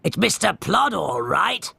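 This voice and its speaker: A woman voicing a mischievous little male goblin who cackles with a gravelly voice. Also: mid-range voice, sing-song, a little slow, bright, forceful tone, no room sound, exaggerated voice. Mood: gleeful.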